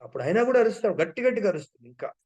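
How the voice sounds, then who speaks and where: A man telling a story in a devotional lecture, in an animated way. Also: sits high, racing. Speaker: devotional speaker.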